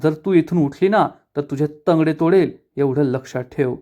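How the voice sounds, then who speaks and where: A man's voice: on the high side, normal speed, close to an everyday voice. A man voicing a furious scolding woman. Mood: threatening. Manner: harsh, scolding, shouting threats. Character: angry domineering woman, sister of the master.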